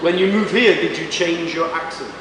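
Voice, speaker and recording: This Manchester-accented Englishman, teaching an English class, has a slightly high, creaky voice at a moderate pace. He keeps his sentences short and simple and quizzes students, while the distant recording picks up classroom echo and hiss.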